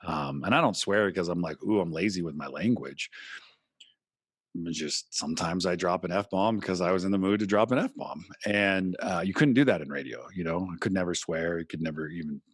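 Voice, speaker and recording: A man's voice: sits low, fairly quick, hardly any pauses, slightly rough, no room sound, clean studio sound. A man, a former radio host, talking casually and animatedly as a podcast guest. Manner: animated, talks in long stretches, acts out quotes. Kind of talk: casual interview chat.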